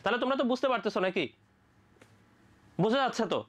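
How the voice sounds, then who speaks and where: A teacher from Bangladesh giving a lively medical admission biology lecture, repeating each question, answering it, and checking in with the students again and again. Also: mid-range voice, fast talker. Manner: colloquial, playful asides.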